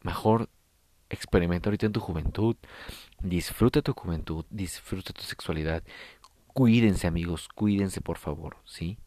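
A Mexican man with a deep, low voice, talking straight to the camera in a frank, crude and joking way. The sound is close and dry, with no room echo. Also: moderate pace, darkish tone. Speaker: vlogger giving advice. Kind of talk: casual monologue to viewers.

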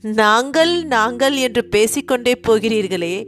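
A woman's voice: fairly high pitch, unhurried, a little hiss or hum, close to an everyday voice. A woman reading as a bold outspoken young woman. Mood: defiant. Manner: bold, sharp-tongued.

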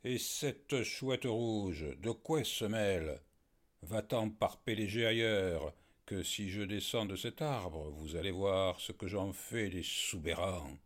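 Guy putting on a wild hermit poacher, yelling, louder and higher than the narrator. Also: steady tone, moderate pace, hardly any pauses, natural voice. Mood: furious. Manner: shouting, insulting. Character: furious wild poacher man, hermit in a tree.

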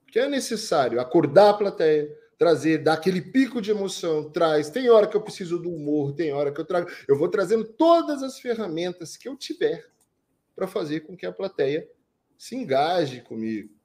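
Energetic male speaking coach with a high voice and emphatic delivery. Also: normal speed. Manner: energetic and emphatic, with big shifts in loudness and pace. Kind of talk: instructive podcast talk.

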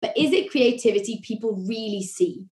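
Welsh woman, business podcast guest, measured explanatory delivery, roomy echo. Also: on the high side, darkish tone. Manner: measured, explanatory, corporate phrasing. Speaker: marketing executive guest.

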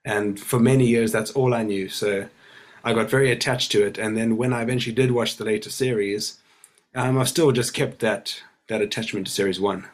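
Croaky man with a cold. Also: on the low side, fairly even intonation, a little fast. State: hoarse with a cold. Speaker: returning podcast guest. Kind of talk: casual chat.

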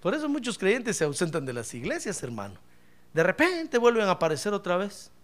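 A man preaching a lively, humorous sermon as a pastor, speaking fervently, crying out praise and often calling his listener brother. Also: high voice, fairly quick. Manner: fervent, jokes, cries out praise, keeps addressing "hermano".

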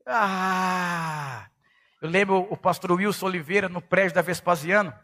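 Emphatic pastor preaching loudly. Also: male voice, high-pitched, steady tone, fast. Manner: emphatic preaching, shouting at peaks. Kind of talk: sermon.

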